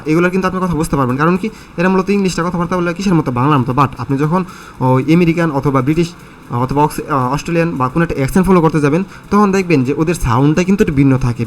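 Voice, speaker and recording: A man teaches an English lesson in a classroom, his voice sitting a bit high. He explains in a chatty, questioning way full of fillers. Faint traffic noise hums behind him. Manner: conversational, asks students questions, many fillers.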